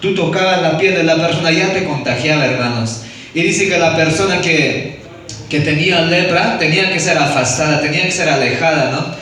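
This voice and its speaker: A man's voice: fairly high pitch, normal speed, pushed and bright. A male preacher telling a Bible story as a sermon, often asking "¿no?" and calling out "hermanos". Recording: echoey room from far off.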